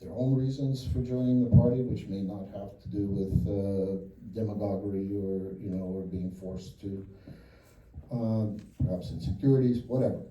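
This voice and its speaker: A film director with a low, dark voice answers questions after a screening in a cinema auditorium, heard from far off in the echoey, roomy theater with slight background noise. He speaks at a moderate pace with fairly even intonation, rambling and thinking aloud with many fillers.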